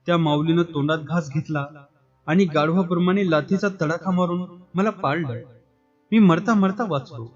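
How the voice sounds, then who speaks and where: A man plays a village priest complaining with a sense of injury. The voice is fairly high for a man, and the recording is dull with soft music underneath. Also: normal speed, recorded from a distance, close to an everyday voice. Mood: aggrieved. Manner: aggrieved storytelling complaint.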